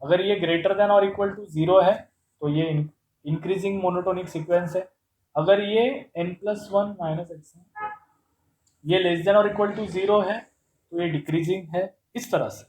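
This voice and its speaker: A man's voice: high voice, steady tone, takes it slowly, darkish tone, a little hiss or hum. Man teaching math, echoey room. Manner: explains step by step with rhetorical questions; playful, calls terms "bhai sahab". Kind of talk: blackboard math lesson.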